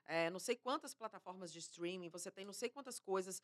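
A woman journalist from Minas Gerais with a mineiro accent, chatting lively as a talk-show guest and mixing in slang. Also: medium pitch, fast. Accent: mineiro Brazilian Portuguese. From Minas Gerais, Brazil. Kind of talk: casual talk-show interview.

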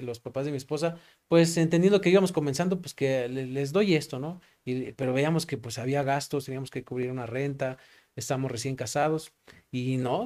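A man's voice: mid-range voice, a little mellow. A young man with a Mexican accent, a pastor giving an earnest testimony in an interview, full of fillers and acting out the remembered dialogues. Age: young adult. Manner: earnest, many fillers like "este" and "¿no?"; acts out both sides of remembered dialogues.

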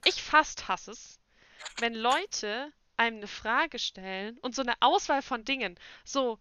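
Bright high-voiced young woman chatting. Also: a little slow, lo-fi sound, a little hiss or hum. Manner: expressive, acts out quoted dialogue. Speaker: podcast co-host. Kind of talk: casual chat.

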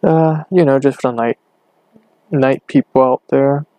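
A young man rambling hesitantly on his own podcast, talking low in his bedroom with a hand cupped over the mic. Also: measured pace, mellow, dry recording. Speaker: podcast host. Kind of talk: casual solo podcast. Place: bedroom at home.

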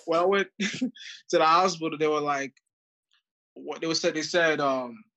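A man's voice: on the high side, steady tone, measured pace, bright, forceful tone. A young man co-hosting a casual podcast chat, telling a story with laughter and acting out what others said. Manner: laughing storyteller who acts out quotes. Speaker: podcast co-host.

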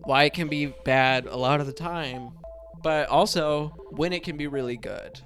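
A man's voice: on the high side, moderate pace, a bit bright, faint music behind. A man co-hosting a podcast, chatting casually and teasing his co-host. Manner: playful, teasing banter. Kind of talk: casual chat.

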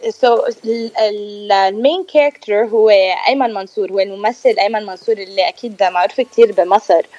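A woman's voice: mid-range voice, steady tone, brisk, hardly any pauses, mellow, highs cut off. A Lebanese-accented actress chatting as a guest in a casual radio interview, slipping English words into her talk.

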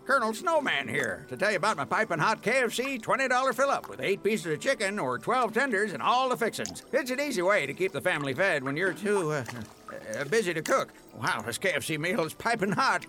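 Bright, fast-talking jolly snowman colonel. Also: sits high, sing-song, heavily acted. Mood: jolly, excited. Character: jolly snowman colonel pitching fried chicken. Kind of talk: excited advertising pitch.

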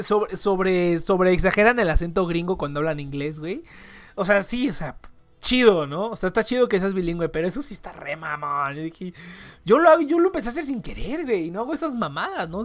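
A woman's voice: mid-range voice, very animated, brisk, no echo. A young woman with a Mexican accent hosting a livestream, chatting and ranting casually, swearing freely and tagging her sentences with questions. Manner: slangy, swears freely, tags phrases with questions. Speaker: livestream host. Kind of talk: casual ranting chat with a guest.

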